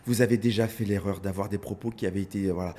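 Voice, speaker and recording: A man speaking casually in an interview, an animated storyteller who acts out scenes and often repeats words as he starts a thought. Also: lowish voice, fast talker, slight background noise. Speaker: dog content creator, guest.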